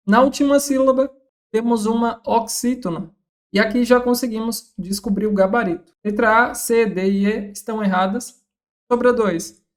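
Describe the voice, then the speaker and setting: Methodical Brazilian woman tutoring Portuguese. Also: fairly high pitch. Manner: methodical, reads questions then rules out options. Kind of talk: scripted exam-question walkthrough.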